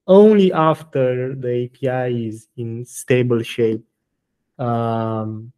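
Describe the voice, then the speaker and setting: A man interviewed as a guest about his software project, speaking hesitantly with frequent restarts, then answering bluntly. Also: mid-range voice, takes it slowly, clean tone. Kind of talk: technical interview.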